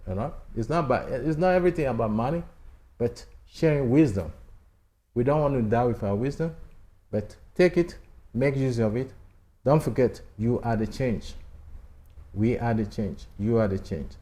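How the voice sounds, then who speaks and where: A man's voice: medium pitch, moderate pace, warm tone. A man hosting a spiritual talk show in a studio, speaking emphatically, repeating key phrases and urging viewers to subscribe. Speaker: channel host.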